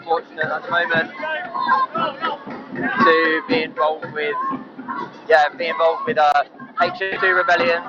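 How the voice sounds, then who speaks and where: A man's voice: fairly high pitch, flat delivery, measured pace, pauses often, a loud crowd. A man with an Essex accent speaking earnestly and hesitantly as an activist in a casual live interview. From Essex, England. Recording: muffled audio under loud music.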